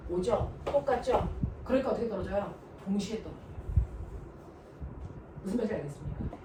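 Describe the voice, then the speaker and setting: Lively woman physics teacher, echoey. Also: high-pitched, far from the mic. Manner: lively, quizzes students with constant check-ins. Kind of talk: classroom lecture. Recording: echoey room, voice from afar, noisy.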